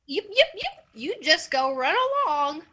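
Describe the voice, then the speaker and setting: A woman's voice: high-pitched, a little slow, voice pushed up, full character voice. A woman doing a yipping, hungry cartoonish coyote. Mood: eager. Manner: yips excitedly between words. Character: hungry wily male coyote, easily confused.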